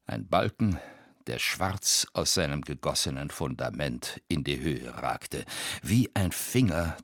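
A man reading a dark story aloud in a measured, suspenseful narration with a husky voice. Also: very deep voice, no room sound, studio quality. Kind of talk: scripted audiobook narration.

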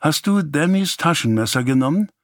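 A man voicing a tired mother who works in a mine, soft and caring with a little sternness, in dry audiobook narration. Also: on the high side, animated, normal speed, no echo, voice pushed up, close to an everyday voice. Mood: tender. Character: weary, gentle mother working in a mine.

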